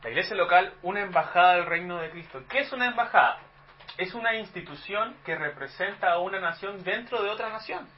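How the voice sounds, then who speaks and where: A man's voice: high voice, lively intonation, brisk, muffled recording, a little hiss or hum. A Chilean man preaching a sermon in a conversational teaching manner, asking the congregation rhetorical questions. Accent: Chilean Spanish. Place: church hall.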